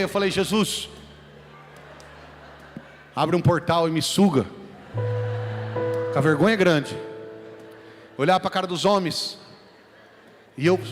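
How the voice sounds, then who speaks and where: A man from Brazil with a São Paulo accent, preaching a sermon and telling a personal story, animated and acting out the voices he quotes. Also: high-pitched, fairly quick, pauses often. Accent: São Paulo Brazilian Portuguese. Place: large church sanctuary. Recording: long hall reverb with music behind.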